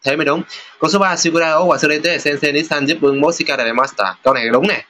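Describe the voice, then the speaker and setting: Here the Japanese teacher's voice is a little high with a sharp tone. His lesson on test questions stays casual and talkative, with filler-sound pauses and slow readings of example sentences.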